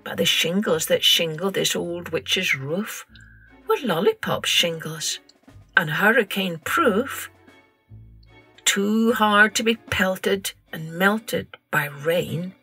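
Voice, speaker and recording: An older Scottish woman, host of a children's storytelling podcast, has a fairly low voice with a breathy edge, and faint music plays behind her. She brings stories and poems to life in a deliberate, dramatic, drawn-out manner, with moments of quiet hush.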